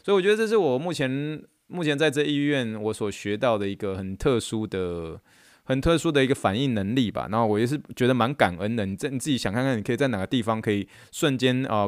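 Fast-talking man. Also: fairly low pitch, smooth, no room sound, studio quality. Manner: animated storyteller who acts out quotes. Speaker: podcast host and therapist. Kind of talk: casual chat monologue.

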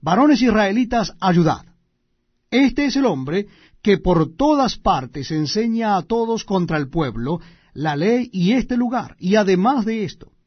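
A man voicing a crowd of men shouting an accusation, in a raised declaiming tone. The recording is dull and lo-fi. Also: high voice, expressive, unhurried, slightly rough, dry recording, full character voice. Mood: accusing.

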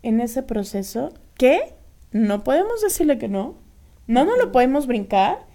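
A woman, speaking as a guest on grief, emphatic and animated with repeated lists. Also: high-pitched, a little slow. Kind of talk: casual panel talk.

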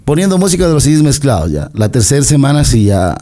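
A middle-aged man from Latin America chats through a long story on a podcast. His voice is very dark and mellow at a middle pitch, and he slips into the voices of people he quotes. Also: very animated, fast. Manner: chatty, acts out quoted dialogue. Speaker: podcast guest. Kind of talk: casual storytelling.

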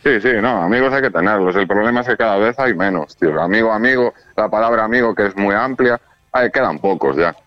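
A man's voice: fairly low pitch, fast talker, no echo, muffled recording. A man with a Castilian Spanish accent chatting casually in a colloquial, matter-of-fact, sweary way. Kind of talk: casual chat.

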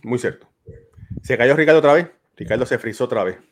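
A man's voice: mid-range voice, fast. A man hosting a casual podcast over a video call. He sounds earnest and fatherly, offering life advice. He often ends his sentences with a questioning tag. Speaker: podcast host. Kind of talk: casual chat, giving advice.

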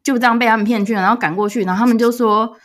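A young woman talks as a guest on a casual podcast. Her voice sits fairly high, and her words tumble out quickly. She laughs often and acts out other people's voices as she tells her story. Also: fairly even intonation.

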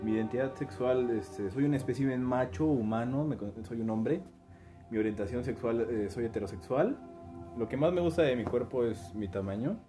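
A young man in his twenties, a guest on the show, introduces himself casually with a joking, offhand manner. His voice sits at an ordinary pitch for a man. Clear music plays in the background. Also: moderate pace. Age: 20s.

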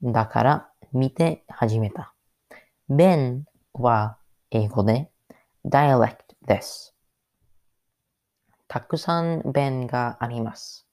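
Very slow-talking man, halting learner's speech. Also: mid-range voice, a little mellow. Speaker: podcast host. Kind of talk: solo podcast monologue.

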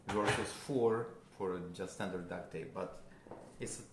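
A man with a Russian accent, a guest musician, talking casually in a halting way, searching for words with many fillers. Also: deep voice. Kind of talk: casual interview. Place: a friend's house. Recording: roomy with background noise.

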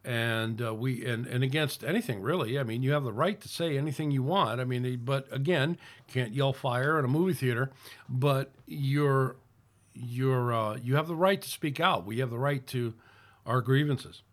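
A man's voice: medium pitch, moderate pace. A middle-aged man from the United States giving casual political commentary as host of his own channel, rambling with frequent restarts and fillers.

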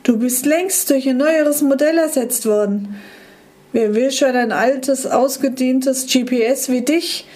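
A woman's voice: high voice, unhurried, darkish tone, voice pushed up. A woman voicing an embittered, grumpy old male handheld computer who grumbles resentfully. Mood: dismissive.

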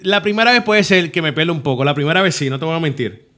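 Excited co-host guy, high bright voice, talks really fast, says things twice. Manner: enthusiastic, repeats his replies. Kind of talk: upbeat radio-style banter.

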